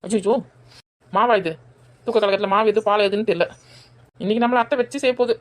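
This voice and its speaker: A woman playing a defiant rapid-fire daughter-in-law. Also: mid-range voice, close to an everyday voice. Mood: cheeky. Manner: argumentative, talks back fast. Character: defiant young daughter-in-law, sleepy and cheeky. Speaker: daughter-in-law in a family skit. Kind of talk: village family comedy skit.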